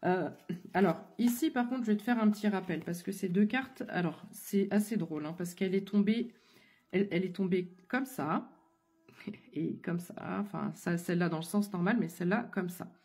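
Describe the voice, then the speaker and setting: A woman doing a tarot reading, speaking warmly and directly to one listener. Her voice is mellow and a little husky, still not fully recovered from an illness. She hesitates often, restarting phrases and filling pauses as she goes. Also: lowish voice. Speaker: tarot card reader. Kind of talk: casual spoken tarot reading.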